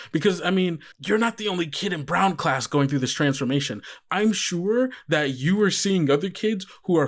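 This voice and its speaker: This is a man serving as game master on an actual-play horror podcast. He improvises the narration in a conversational manner at an average pitch and often asks questions.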